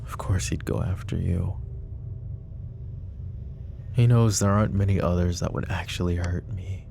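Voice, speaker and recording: Bitterness colors this ASMR roleplay, where a man plays a possessive, protective mafia boss. His deep, gravelly voice keeps a steady, low, measured and quietly menacing tone, with a little hiss or hum in the background.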